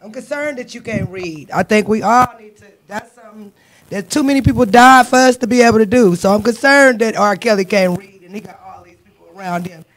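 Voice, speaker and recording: A woman's voice: medium pitch, a little fast. A woman co-host, talking casually and colloquially in a group discussion. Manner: colloquial, agreeing interjections. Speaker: talk show co-host.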